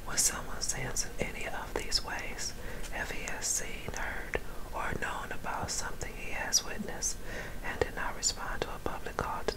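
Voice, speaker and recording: A person reading scripture aloud in an unvoiced ASMR whisper. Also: poor audio. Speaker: reader.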